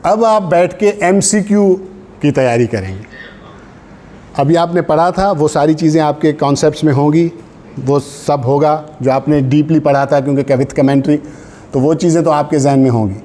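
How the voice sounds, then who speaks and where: A man from Sindh, Pakistan, with a Pakistani accent, gives informal exam coaching in a classroom-lecture style. His fairly high voice has a dark tone at normal speed, and he teaches instructively, switching into English terms and phrases and checking in with short tags.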